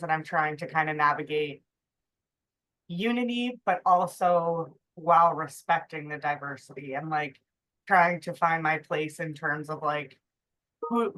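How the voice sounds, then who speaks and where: A low-voiced woman speaks on a video call. She thinks aloud as a new manager, searching for words and filling the pauses with "like" and "um". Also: a bit bright, poor audio. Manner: searching, hesitant, many fillers. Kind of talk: reflective sharing.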